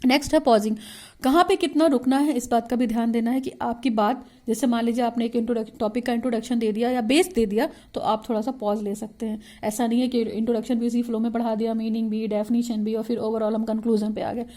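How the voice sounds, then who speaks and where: A woman's voice: fairly high pitch, steady tone, fast, warm tone. A woman teacher, giving an online lecture that mixes Hindi and English and often checks in with her listeners.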